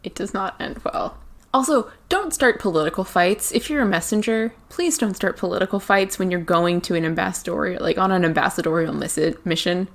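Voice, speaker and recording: A woman co-hosting a podcast in casual chat, animated and quick to laugh. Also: fairly low pitch, gravelly. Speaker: podcast co-host.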